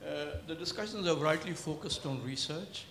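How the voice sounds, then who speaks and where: Formal, higher-voiced man in a roomy hall. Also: moderate pace, fairly bright tone. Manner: formal, articulate. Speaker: audience member asking a question. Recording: roomy with faint noise.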